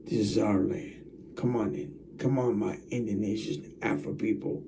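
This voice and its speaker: A man's voice: lowish voice, fairly even intonation, normal speed, distant mic, noisy background. A man talking casually to his viewers as a channel host, rambling and repeating himself as he talks straight at the camera. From United States. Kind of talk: casual vlog monologue.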